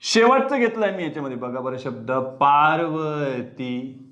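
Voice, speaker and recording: A man's voice: on the high side, expressive, unhurried, a bit bright. Man teaching grammar step by step. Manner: explains step by step, asks questions back. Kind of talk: online grammar lesson. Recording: dull, roomy sound.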